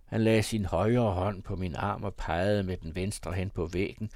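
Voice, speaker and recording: A man reading a classic novel aloud as audiobook narrator, in a measured, even storytelling manner. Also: low-pitched, no echo, clean studio sound.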